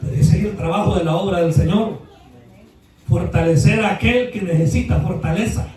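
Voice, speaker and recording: High-voiced pastor in an echoey church. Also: male voice, normal speed. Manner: folksy storytelling, rising to shouted exhortation. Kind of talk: sermon. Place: church sanctuary. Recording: echoey church hall, mic at a distance.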